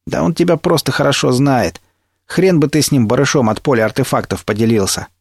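A man voicing a hot-headed young stalker who jeers in loud shouts in an audiobook reading. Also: medium pitch, fairly quick, gravelly, slightly rough, dry recording, studio quality, voice pushed up. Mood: jeering.

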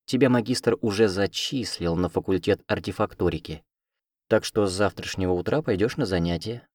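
A man voicing a huge two-tailed male cat spirit who guards a magic academy, speaking calmly and matter-of-factly. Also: deep voice, moderate pace, no echo, studio quality.

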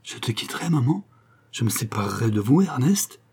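A man's voice: mid-range voice, normal speed, dark tone, breathy edge, natural voice. A man reading the part of a young woman in an audiobook, speaking in pleading, emotional exclamations. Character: young woman, devoted daughter, anxious and impassioned.

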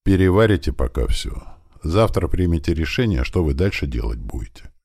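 Guy doing a bossy fighter barking orders, husky and lively, dead dry sound. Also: extremely low pitch, dry recording, heavily acted. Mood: brisk, easygoing. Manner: loud, brisk orders. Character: brisk male fighter, commanding and easygoing.

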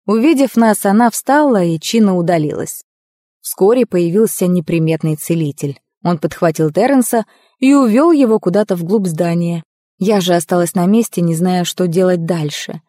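A woman narrating first-person fiction as an audiobook reader, with a lively, expressive reading. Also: medium pitch, no echo, studio quality.

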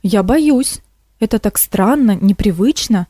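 A woman voicing a curious, excitable old woman who teaches nature studies, fussing and exclaiming in a storybook reading. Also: medium pitch, unhurried, no room sound, studio quality. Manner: fussy, excitable.

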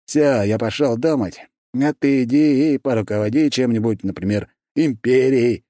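A man's voice: mid-range voice, moderate pace, mellow, no room sound, studio quality, pitched above the performer's own voice, lightly acted. A male narrator voicing a cheeky, joking man in an audiobook, teasing and playful.

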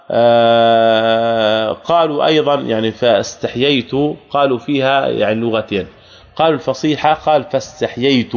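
A man's voice: mid-range voice, gravelly. Jordanian man teaching in a reverberant hall. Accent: Jordanian Arabic. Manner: repeats key phrases, asks rhetorical questions. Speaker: religious teacher. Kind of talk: Islamic jurisprudence lesson. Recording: archival hall recording, dull lo-fi sound.

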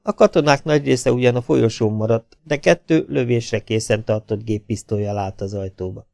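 A man with a Hungarian accent reads an audiobook aloud in an even, measured way. His voice is dark and mellow, at a middle pitch. The close recording is dry, with no room sound. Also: gravelly, no echo. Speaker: audiobook reader. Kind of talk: audiobook narration.

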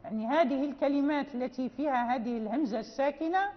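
A woman teaching Quran recitation rules, explaining patiently and slowly chanting example verses, firmly stressing the rules. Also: high voice. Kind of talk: lecture on tajweed. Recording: dull lo-fi sound with long reverb.

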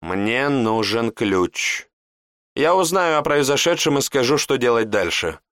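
A man's voice: medium pitch, very animated, measured pace, a bit bright, no echo, clean studio sound, pitched above the performer's own voice. A man doing a sneering mage master. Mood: commanding. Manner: sneering, commanding. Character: harsh scornful male mage teacher.

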